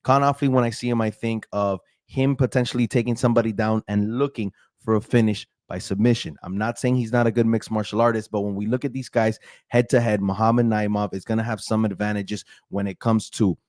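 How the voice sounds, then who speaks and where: A young man hosting a casual talk show about his fight predictions, chatty and animated, often calling his viewers guys and stumbling over names. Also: lowish voice, brisk, no echo, studio quality. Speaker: MMA fight predictions host.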